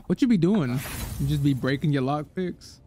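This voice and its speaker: Slangy young gamer, slightly high voice. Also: male voice, animated, moderate pace, dark tone, slight background noise. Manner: teasing, bossy, slangy. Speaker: gamer in co-op let's play. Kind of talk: casual gaming banter.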